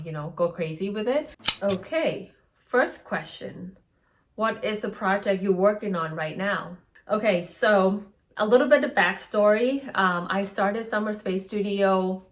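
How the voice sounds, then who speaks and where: A woman in her thirties from Thailand talks to the camera from a small home studio in a spare bedroom. She answers viewer questions in a loose, chatty way, full of "um" and "you know," and often amused at herself. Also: medium pitch. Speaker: paper flower artist and studio owner. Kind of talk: casual vlog Q&A. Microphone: camera facing her.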